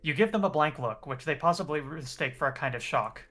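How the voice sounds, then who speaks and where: A man's voice: a little high, animated, brisk, sharp tone. A man reading game text aloud as narrator during a playthrough.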